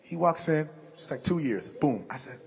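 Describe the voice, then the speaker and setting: Preaching at a moderate pace, a young man with a deep, vocal-fry-tinged voice tells a lively personal story and acts out quoted lines. The audio quality is poor.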